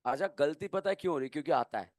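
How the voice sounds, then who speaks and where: A man teaching chemistry in a lively classroom lecture, playfully quizzing students with call-and-response questions. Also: on the high side, fast, dry recording, studio quality.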